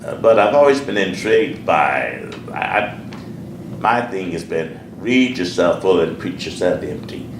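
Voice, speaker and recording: A man's voice: low-pitched, expressive, unhurried. An older man with a Southern American accent, a pastor from Alabama, earnestly recalling his life in an oral history interview, often repeating his words. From Sheffield, Alabama. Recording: echoey room, distant mic, noisy.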